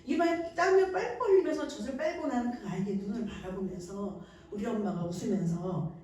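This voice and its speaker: A woman teaching parents in a church service, warmly acting out the gentle words a mother says to her baby. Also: medium pitch, a little fast. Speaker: church infant ministry teacher. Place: church hall. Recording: echoey room, voice from far off the mic.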